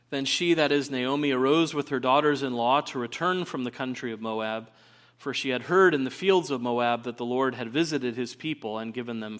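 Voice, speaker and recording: A man preaching a sermon at a pulpit microphone in a church, praying and reading scripture in an earnest, measured way with frequent "uh" fillers. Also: medium pitch, fairly bright tone. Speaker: pastor. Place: church sanctuary.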